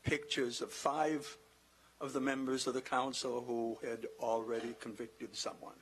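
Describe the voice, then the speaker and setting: A man's voice: medium pitch, flat delivery, measured pace, a bit bright, breathy edge, rough recording. A man giving an indignant public comment at a city council meeting.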